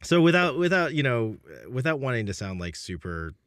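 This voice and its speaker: A man hosting a podcast, asking questions in a friendly, halting way with many restarts. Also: medium pitch, big pitch swings, fairly bright tone, dry recording, studio quality. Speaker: podcast host. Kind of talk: casual podcast chat.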